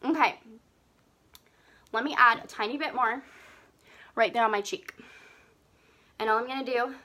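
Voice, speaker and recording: A young woman talking on a live makeup video, gushing and excitable, breathing a little heavily. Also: a little high, moderate pace. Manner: gushing, excitable, lots of "like" and "seriously". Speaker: beauty vlogger.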